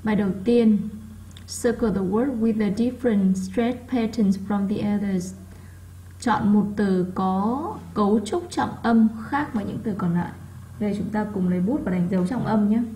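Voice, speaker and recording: A woman whose first language is Vietnamese, teaching English and going over a workbook test. She reads words slowly with marked stress so students can repeat them. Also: mid-range voice, mellow, slight background noise, poor audio. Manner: drills pronunciation, reading words slowly with stress. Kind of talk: classroom lesson explanation.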